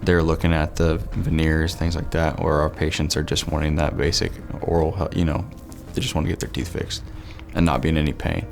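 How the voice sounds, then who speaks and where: A man from Southwest Missouri chatting in a relaxed way about dental care in an interview, with many fillers. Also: a bass voice, a little fast, vocal fry, few pauses. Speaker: dental worker, scholarship nominee. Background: soft background music.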